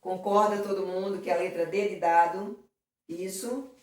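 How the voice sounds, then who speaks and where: During an exam prep lesson, a woman teacher with a steady, medium-pitched, slightly mellow voice moves at a moderate pace through the exam questions. She's affectionate, full of diminutives, and keeps checking in with her students. Sound is very echoey, with the mic placed far away.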